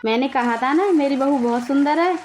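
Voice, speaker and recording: Cartoon mother-in-law, voiced by a woman: older, fussy, high voice, over-the-top laments. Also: brisk, a little mellow, a little hiss or hum, natural voice. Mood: boastful. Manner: boastful, then wailing theatrically. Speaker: voice actor for a cartoon story. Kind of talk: Hindi cartoon dubbing.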